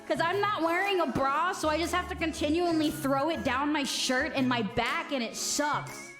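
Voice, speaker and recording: A woman's voice: high-pitched, moderate pace, fairly bright tone, roomy sound, faint music behind. A woman streamer talking and joking through a voice changer filter, sometimes singing goofy song lines. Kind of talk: casual stream chat.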